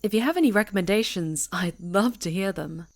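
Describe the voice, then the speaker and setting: This ASMR roleplay features a woman as a chatty, friendly camper on a woodland retreat, conversing playfully with an unheard listener. She uses her natural, mid-range voice and talks fairly quickly, keeping the mood friendly and teasing.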